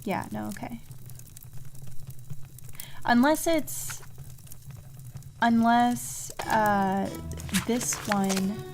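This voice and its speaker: Speaking extremely slowly with long pauses, this woman has a fairly high, darkish voice marked by vocal fry. She thinks aloud while playing a puzzle game on stream, reading out clues and offering casual commentary. Game music plays in the background.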